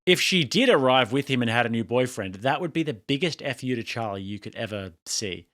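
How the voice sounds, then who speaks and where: A man's voice: mid-range voice, lively intonation, a little fast, fairly bright tone. An Australian man hosting a casual reaction commentary, blunt and mocking, laughing at what he watches. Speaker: commentary channel host.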